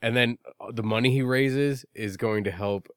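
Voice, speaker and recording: A man's voice: medium pitch, moderate pace, clear, resonant tone, no echo, studio quality. A man co-hosting a podcast in casual chat, joking, teasing and swearing casually. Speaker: podcast co-host.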